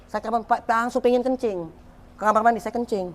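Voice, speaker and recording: A man telling his personal story as a guest in an interview, animated, repeating words for emphasis and acting out dialogue. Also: very high-pitched, fast talker, slight background noise. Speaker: guest, founder of a free restaurant.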